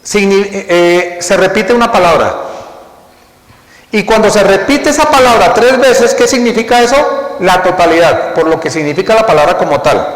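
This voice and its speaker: Pastor, male, higher-pitched, sermon delivery, repeats words for stress, long church reverb. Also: moderate pace. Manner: repeats key words, asks the congregation questions. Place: church hall.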